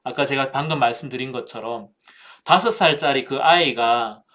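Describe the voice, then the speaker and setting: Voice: mid-range voice, normal speed, a bit bright. A speaker at a Bible seminar telling a childhood story in a Bible talk, using vivid sound words and addressing listeners directly.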